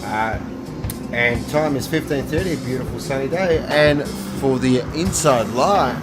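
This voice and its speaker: A man presenting a track guide for sim racing, explaining each part in a measured but enthusiastic way. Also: mid-range voice, over loud music.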